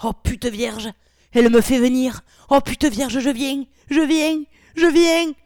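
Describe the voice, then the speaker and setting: A woman voicing a usually silent man in an erotic audio story, who breaks into rising, repeated shouts. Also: very high voice, fairly even intonation, takes it slowly, no room sound, clean studio sound, voice pushed up. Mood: ecstatic.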